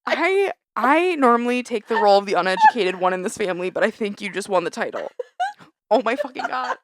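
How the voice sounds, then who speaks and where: A woman co-hosting a casual podcast, animated and exasperated, swearing freely. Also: mid-range voice, brisk, very noisy. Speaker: podcast co-host. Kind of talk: casual chat.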